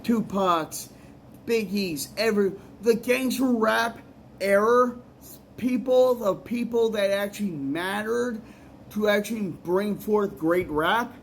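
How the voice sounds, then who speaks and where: A man's voice: high-pitched, takes it slowly, slight background noise. A man, a musician and poet, giving rambling, earnest advice in a casual vlog, often repeating himself.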